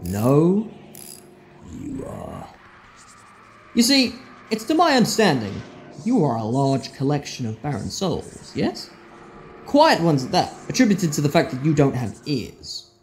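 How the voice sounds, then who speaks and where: An actor playing a clever, defiant time-travelling hero in an audio drama, with a deliberate, theatrical delivery. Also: male voice, fairly high pitch, wildly swooping pitch, vocal fry, a little hiss or hum, heavily acted.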